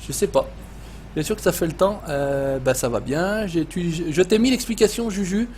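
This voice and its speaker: Brief: Savoyard man, high voice, loose swearing streamer chat, faint hiss behind. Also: moderate pace, a little mellow. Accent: Savoyard French. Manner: swears often, reads chat aloud, loose and joking. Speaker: live-stream gaming host. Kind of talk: casual live-stream chat.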